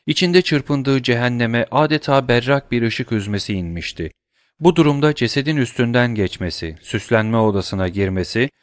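A man reading a dramatic novel aloud in a measured, steady storytelling manner. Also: fairly low pitch, dry recording, studio quality. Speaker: audiobook narrator.

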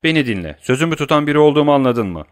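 A man's voice: on the high side, big pitch swings, rapid-fire, dry recording, studio quality, pitched above the performer's own voice. A man voicing a stern, commanding nobleman disguised as a priest, reading an audiobook. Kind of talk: audiobook character voice.

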